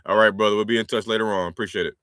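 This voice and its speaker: A man's voice: lowish voice, steady tone, very fast, fairly bright tone, dry recording, clean studio sound. A man in his forties hosting a live stream about real estate wholesaling, talking in a laid-back, slangy way and laughing often. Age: 40s. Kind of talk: live-stream sales calls and commentary.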